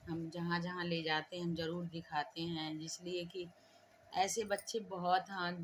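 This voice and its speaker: A woman's voice: fairly low pitch, a bit bright, a little hiss or hum. A woman vlogging at home on a phone, plainly explaining the daily routine of caring for a child. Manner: coaxing, repeats prompts to the child; plain, matter-of-fact explaining. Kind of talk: casual home vlog.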